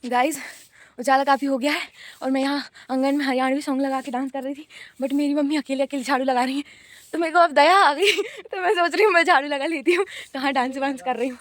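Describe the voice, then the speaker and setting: A woman's voice: high-pitched, fast talker, dry recording. A young woman chatting playfully in a casual daily vlog, laughing often, recorded outdoors on a handheld phone. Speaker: vlogger. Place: outdoors at home and by a road.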